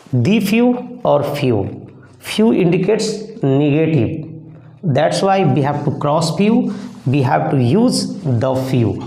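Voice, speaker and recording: Male English teacher with an Indian accent, gravelly and mellow, slow, walking through grammar answers in an echoey room. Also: a little high. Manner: slow, step-by-step explaining with repeated questions. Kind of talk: grammar lesson.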